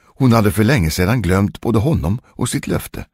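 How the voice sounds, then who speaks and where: A man reading a fairy tale aloud in a lively, expressive way. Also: lowish voice, husky, dry recording, clean studio sound. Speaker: storyteller.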